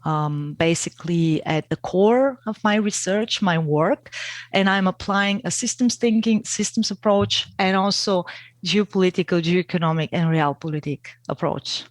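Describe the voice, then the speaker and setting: A woman's voice: fairly low pitch, normal speed, no echo. A middle-aged woman from Bulgaria with a Bulgarian accent, answering interview questions hesitantly with many fillers. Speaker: guest expert.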